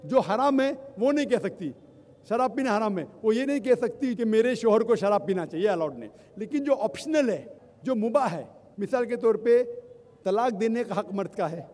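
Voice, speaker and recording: A man with a high, somewhat dark voice answers audience questions at a public lecture on Islam, listing his points one after another and slipping in English phrases. The recording carries a long hall reverb.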